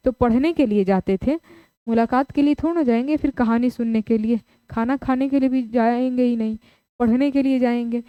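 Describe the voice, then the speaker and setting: A woman teaching a live online exam-prep class, who briskly reads out the options, repeats the answers aloud and urges her students to reply in the chat. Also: a little high, clean tone, no room sound, muffled recording.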